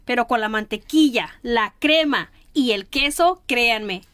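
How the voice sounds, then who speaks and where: A woman walks viewers through a recipe in a bright, high voice. She sounds homey and enthusiastic about the food. The voice-over is recorded close and dry, with no room sound. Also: animated, unhurried, dry recording. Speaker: cooking channel host. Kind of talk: voice-over cooking tutorial.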